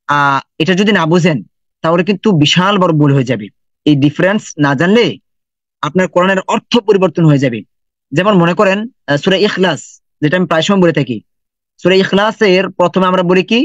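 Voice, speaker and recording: A man's voice: high-pitched, dry recording, dull audio. A man teaching an online lesson in Quran recitation, patiently explaining and repeating sounds and examples.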